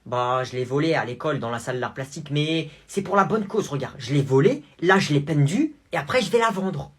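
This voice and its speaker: A man with a husky voice playing a boastful boy who proudly declares he will quit school to become a painter, in a comedy skit. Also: on the high side, lively intonation, brisk, a bit bright. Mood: grandiose. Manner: grandiose, self-important declarations.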